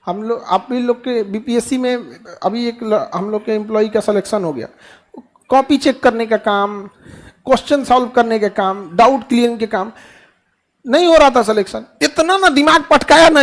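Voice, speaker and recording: A man giving a motivational talk to a class as their teacher, folksy and joking, asking questions and answering them himself. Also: very high-pitched. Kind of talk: lively classroom motivational speech.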